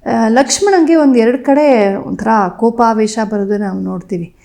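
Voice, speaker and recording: A woman, explaining and retelling old tales in a measured way, with frequent pauses and fillers. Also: a little high, vocal fry, mellow. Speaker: podcast guest speaker. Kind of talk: explanatory storytelling in conversation.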